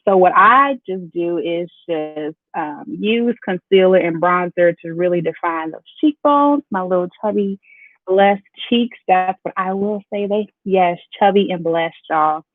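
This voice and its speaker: Taking her time, a young woman from Chicago with a hint of Southern twang speaks in a lowish voice while hosting a laid-back makeup tutorial livestream. This beauty vlogger is chatty, lively, and playful, talking straight to her chat, and the recording sounds dry and phone-like.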